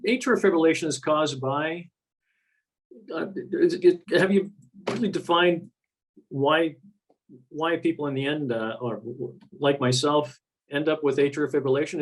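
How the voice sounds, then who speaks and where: Higher-voiced man, remote audience member, halting question over a call. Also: low-quality recording.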